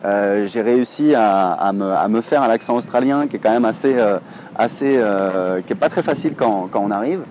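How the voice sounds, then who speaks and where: Chatty French vlogger man, mellow voice. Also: fairly low pitch, normal speed, a little hiss or hum. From France. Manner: chatty, rambling, many hesitations. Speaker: online English teacher, blogger. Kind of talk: casual to-camera vlog.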